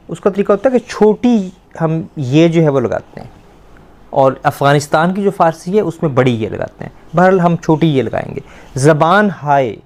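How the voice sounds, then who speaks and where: A man teaching Persian to children, repeating words slowly and questioning his pupils. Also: a little high, a little mellow. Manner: patient, repeats words slowly to drill pronunciation; asks the pupils questions and praises answers.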